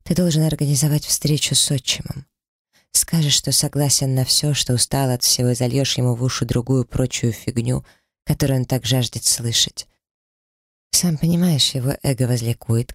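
A man's voice: medium pitch, fairly even intonation, moderate pace, vocal fry, breathy edge, no echo, clean studio sound. A man voicing an earnest, clever young female student in an audiobook, reasoning things out aloud. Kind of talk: audiobook character reading.

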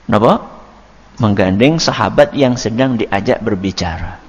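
A male preacher giving a religious study lecture, slow and deliberate, often posing rhetorical questions. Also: on the low side, husky, lo-fi sound. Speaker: Islamic preacher. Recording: long hall reverb.

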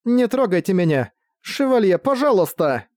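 A man's voice: sits high, lively intonation, a little fast, a little mellow, no room sound, clean studio sound, voice pushed up. A man reading an audiobook, voicing a manipulative, desperate woman villain who pleads and persuades.

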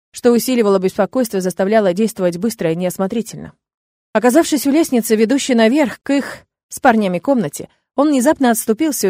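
A woman narrating a fantasy audiobook in a steady, even reading voice. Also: mid-range voice, dry recording, clean studio sound. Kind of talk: scripted narration.

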